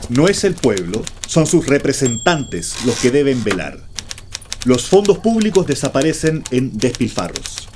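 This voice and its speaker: An actor playing a young male writer in a radio drama, talking in a gentle, patiently scolding manner. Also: mid-range voice, very animated, unhurried, noisy background. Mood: dictating.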